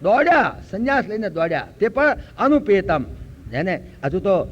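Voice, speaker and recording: An older man from Gujarat giving a spiritual lecture, telling stories and slowly chanting verses. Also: high voice, big pitch swings, slight background noise. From Gujarat, India. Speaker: preacher. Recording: dull lo-fi recording.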